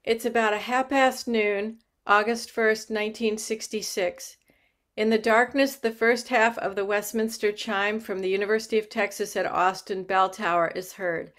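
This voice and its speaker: A woman reading the stage directions aloud at a play reading in a measured way. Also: mid-range voice, fairly even intonation, a bit bright.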